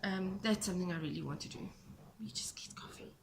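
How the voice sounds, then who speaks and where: Speaking in a whisper, this woman's voice is low, gravelly, and fairly quick. A South African whose first language is Afrikaans, she hosts a knitting podcast, rambling self-deprecatingly in a casual chat to a camera set a short way off inside her home.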